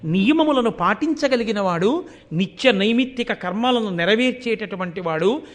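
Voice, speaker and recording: A man with a Telugu accent giving a devotional discourse, telling a scriptural story, moving between soft asides and loud emphatic declarations and sometimes chanting verses. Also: sits high, expressive, moderate pace. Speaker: religious discourse speaker.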